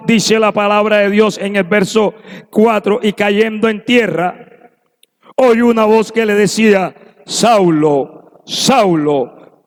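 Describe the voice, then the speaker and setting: Male preacher, fervent sermon delivery, very high pitch, church reverb. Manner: impassioned preaching, acting out quoted voices. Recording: long echo of a church hall.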